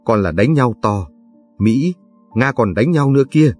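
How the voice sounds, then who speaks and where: A man's voice: mid-range voice, lively intonation, a little slow, soft background music, close to an everyday voice. A man voicing a crude, boastful mountain warlord who brags in a coarse, blustering way.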